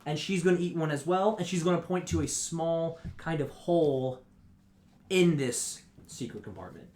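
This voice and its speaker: Man narrating a tabletop game, echoey room. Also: normal speed. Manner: lively, high-pitched character voices. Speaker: dungeon master. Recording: echoey room, faint noise.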